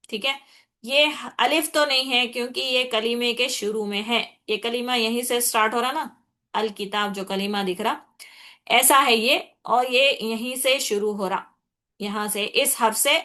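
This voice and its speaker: Bright-voiced woman teaching Quran recitation. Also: fairly high pitch. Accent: Hyderabadi Urdu. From India. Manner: patient, repeats points often, checks in with "thik hai"; breaks into slow recited Arabic examples. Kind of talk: explaining tajweed rules in a class.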